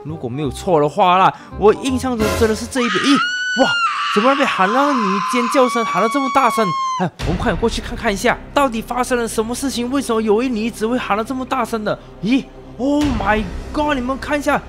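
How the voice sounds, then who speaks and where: A young man narrating his game roleplay as a cop, excitable and full of exclamations. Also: extremely high pitch, fast, loud music behind the voice. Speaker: gaming youtuber.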